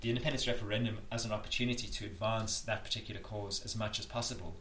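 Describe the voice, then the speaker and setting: Quick-paced and fairly bright, this campaigner's voice stays on the low side with a steady tone. He answers interview questions earnestly and emphatically in a South African accent, often restarting sentences, in an echoey room with faint noise.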